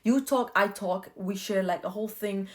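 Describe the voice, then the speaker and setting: A young woman whose first language isn't English talks casually to the camera, offering earnest life advice and often repeating herself for emphasis. Her voice is medium-pitched and moves at a moderate pace.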